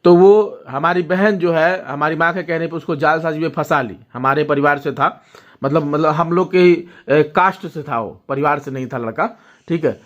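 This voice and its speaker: A young man talks to the camera and tells a long family story. His voice sits a little high, and the recording is dull and lo-fi. He keeps checking in with his viewers as he goes. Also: normal speed. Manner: storytelling, addresses viewers directly with frequent "ठीक है?". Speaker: vlogger. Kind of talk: casual talk to camera.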